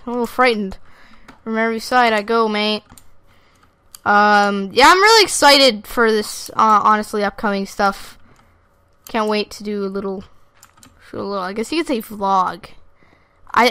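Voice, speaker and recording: A woman hosting her own gaming channel, giving live gameplay commentary in an excitable, foul-mouthed way and talking straight to her viewers. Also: medium pitch, moderate pace, clear, resonant tone, dry recording. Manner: excitable, swears freely, talks straight to viewers.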